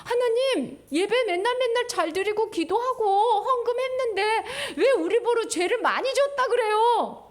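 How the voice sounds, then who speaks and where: A woman's voice: very high-pitched, moderate pace, hardly any pauses, pitched above the performer's own voice. A woman in a children's sermon voicing ancient Israelites who complain to God in a pleading, whiny way. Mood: whining.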